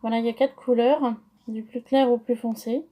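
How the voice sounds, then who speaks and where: A woman's voice: on the high side, fairly even intonation, moderate pace, warm tone. A woman with a French accent explaining a paper-crafting project step by step, hesitant with many fillers. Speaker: crafting tutorial host. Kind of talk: casual craft tutorial.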